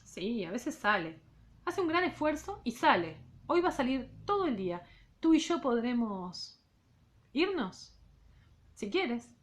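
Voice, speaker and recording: A woman's voice: a little high, very animated, a little slow. A woman reading the part of a mysterious young woman aloud from a novel. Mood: pleading. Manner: read aloud softly from a novel.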